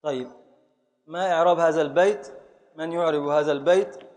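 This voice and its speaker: Egyptian teacher, echoing hall. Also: male voice, on the high side, brisk, a little mellow. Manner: patient, calls on students, repeats and scans aloud. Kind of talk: classroom lesson on Arabic prosody and grammar.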